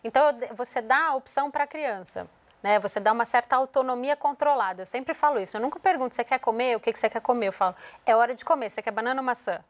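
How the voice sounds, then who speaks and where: A woman's voice: a little high, fast talker. A woman from Brazil, a guest on a TV morning show, explaining how parents can handle tantrums and acting out what a parent might say. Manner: explanatory, acts out parent and child lines. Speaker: educational psychologist guest. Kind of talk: TV morning show interview, giving parenting advice.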